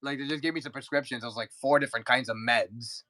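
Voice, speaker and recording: A man's voice: medium pitch, fairly even intonation, fast talker, sharp tone, no echo. A man hosting a casual live toy sale, chatty and sick with the flu, greeting viewers and counting down offers. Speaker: livestream toy seller. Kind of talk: casual live-selling chat.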